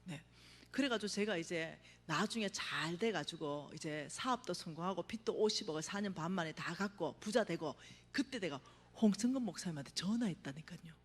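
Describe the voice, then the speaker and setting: A middle-aged woman giving a testimony sermon at a revival meeting, telling her story with vivid acted-out cries and sudden hushed asides. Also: on the low side, a little fast, slightly rough. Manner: animated storytelling, acts out her own cries, drops to a hush for emphasis. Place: church sanctuary. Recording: reverberant church hall.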